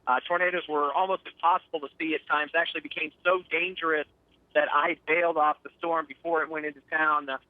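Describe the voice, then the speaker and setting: Over a muffled, narrow telephone line, a man reports live as a storm chaser describing what he sees, hesitant yet matter-of-fact. His voice is a little high and level, and he talks fast. There is no room sound.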